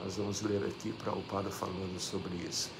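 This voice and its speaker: Brazilian man, religious teacher giving scripture commentary, gravelly voice, noisy room tone behind him. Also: low voice, little pitch movement, brisk. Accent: Brazilian Portuguese. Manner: repeats phrases, asks rhetorical "não é?". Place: devotional center hall.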